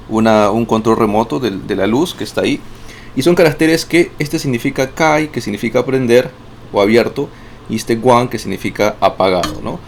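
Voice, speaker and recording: A man's voice: medium pitch, vocal fry. A man teaching a casual online lesson, chatty, often restarting words and checking in with tag questions. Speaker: Mandarin teacher. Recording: faint background noise.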